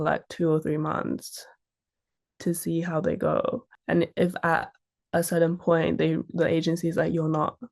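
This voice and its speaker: A young adult fashion model from Sydney, Australia, appears as an interview guest, chatting and telling stories informally in an Australian accent. Her voice is deep and darkish, with vocal fry.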